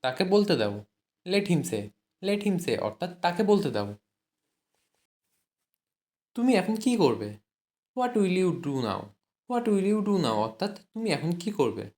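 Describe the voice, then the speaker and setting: A woman with a Bengali accent teaching spoken English, saying each phrase slowly and then giving its meaning in Bengali. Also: lowish voice, big pitch swings, a little mellow. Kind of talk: language lesson, phrase then translation.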